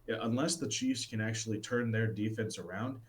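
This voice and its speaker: A man co-hosting a casual sports podcast, talking with lots of fillers and restarts and getting excited about baseball. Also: fairly low pitch, fairly quick, a little hiss or hum. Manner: rambling, many fillers and restarts. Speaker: podcast co-host.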